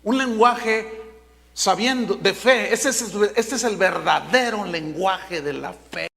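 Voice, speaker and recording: A man delivers a sermon in a high, ringing voice. He preaches emphatically and draws out the words he wants to stress. His voice carries a long reverb, as if spoken in a big hall. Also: slow, gravelly, pushed and bright. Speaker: pastor.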